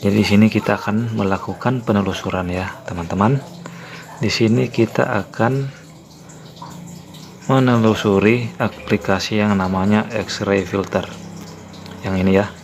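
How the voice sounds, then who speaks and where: A man's voice: on the low side, fairly even intonation, normal speed, gravelly, long pauses, background noise. A man hosting a tutorial channel, walking viewers through a phone app in a plain explanatory way. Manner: plain explanatory, repeats "ya, teman-teman" fillers.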